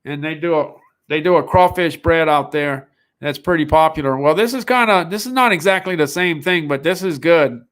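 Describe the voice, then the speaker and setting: A man's voice: fairly high pitch, moderate pace, fairly bright tone. A man hosting a live sales stream, talking casually in a rambling way with restarts. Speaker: online sales show host.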